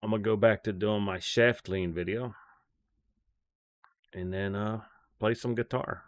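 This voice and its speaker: A golf coach hosting a livestream chats casually in a fairly low, steady, unhurried male voice. His talk is blunt, rambling and scornful.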